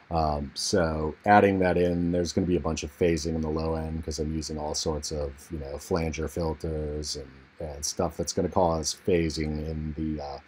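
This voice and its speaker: A very deep, dark-toned man speaks through a low-quality built-in computer mic in an untreated room. His delivery is flat and laid-back, with a faint hiss underneath. He fills his sentences with easygoing fillers as he walks through a music plugin. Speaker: music production tutorial host. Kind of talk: casual software walkthrough. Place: untreated room in a family home. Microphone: internal computer mic.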